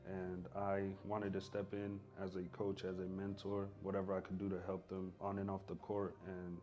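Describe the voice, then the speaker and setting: A man's voice: low voice, completely flat delivery, moderate pace, dark tone, soft background music. A man from South Sudan, a basketball coach, giving an earnest video testimonial.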